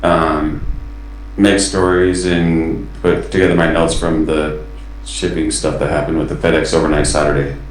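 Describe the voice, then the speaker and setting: A man giving a relaxed status update in a casual work meeting, his voice echoing as if he were in a tunnel. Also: extremely low pitch, normal speed. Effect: echoing, tunnel-like sound on his audio. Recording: echoey tunnel-like call audio with hum.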